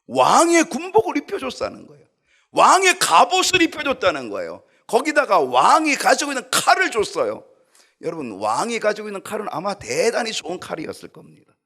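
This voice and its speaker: A man preaching a sermon as a church pastor, swinging from loud emphatic peaks to hushed low asides and briefly voicing the people in his story. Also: huge pitch swings, fairly quick. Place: church sanctuary.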